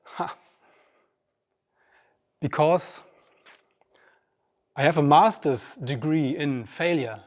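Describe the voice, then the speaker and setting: With a fairly high but darkish voice, a man in his 50s draws out his words and leaves long pauses. He gives a reflective, personal inspirational talk directly to the audience from a large auditorium stage, and the hall's long reverb lingers on each phrase.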